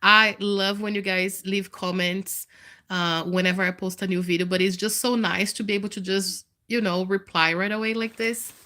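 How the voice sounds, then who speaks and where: A woman's voice: mid-range voice, steady tone, moderate pace, bright, forceful tone. A woman in her thirties with a nasal, congested voice, chatting candidly to viewers in a live video update. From Canada. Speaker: vlogger.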